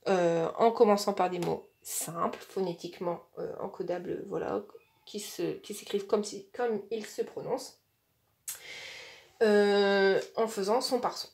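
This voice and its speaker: Woman, casual teacher type, chatty instructional explainer with hesitations; slows for demonstrations. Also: mid-range voice, fairly even intonation, vocal fry, a little mellow. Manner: chatty with frequent fillers and repeated words; slows down and stretches words when demonstrating to a child. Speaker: teacher explaining a reading method for young children.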